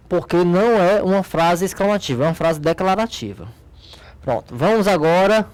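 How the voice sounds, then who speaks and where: With a high, slightly mellow voice, a male math teacher with a Brazilian Portuguese accent patiently explains a logic exercise at a board. He checks in often with his students using short questions.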